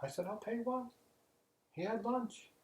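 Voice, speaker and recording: Brief: cheeky pagan priest, a man putting on the voice, high and sly, in a roomy space. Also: measured pace, a little hiss or hum.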